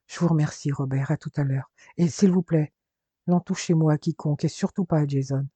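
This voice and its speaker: A man's voice: a little high, steady tone, fairly quick, dark tone, slightly rough, no echo. A man reading aloud voices a distressed young woman who pleads formally for help. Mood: urgent, polite.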